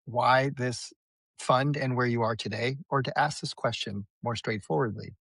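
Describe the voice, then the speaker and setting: A man's voice: medium pitch, fairly even intonation, normal speed, vocal fry, fairly bright tone, breathy edge, dry recording, rough recording. A man hosts a conversational podcast in a mid-range voice. He asks wandering, joking questions and restarts his phrasing often. The recording is dry and close. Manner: rambling, playful questions with restarts. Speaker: podcast host. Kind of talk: casual interview questions.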